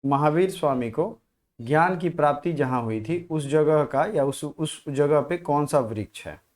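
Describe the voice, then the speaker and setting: A man with a somewhat high voice leads a live online exam-prep lesson. He keeps quizzing the viewers, pushes them to answer fast and reads out what they write in the comments. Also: expressive, darkish tone. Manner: questions viewers directly and checks comments. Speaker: teacher.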